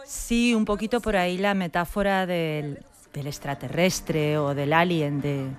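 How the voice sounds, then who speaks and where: A woman playwright answering interview questions thoughtfully, pausing and restarting her phrases. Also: lowish voice, steady tone. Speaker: playwright guest. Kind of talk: radio interview.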